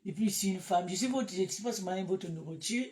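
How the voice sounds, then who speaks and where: A woman with a Cameroonian French accent chatting casually to her followers, animated and breaking into loud bursts. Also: medium pitch, fast. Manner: animated, laughs loudly, shifts to loud bursts. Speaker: social media live host. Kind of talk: casual live chat to followers.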